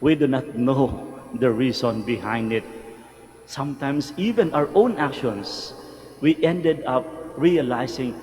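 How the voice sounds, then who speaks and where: A man with a Filipino accent, a priest reading the gospel and preaching a slow, earnest homily at Mass in a large church with a church hall echo. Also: mid-range voice, a little mellow. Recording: long reverb of a large church.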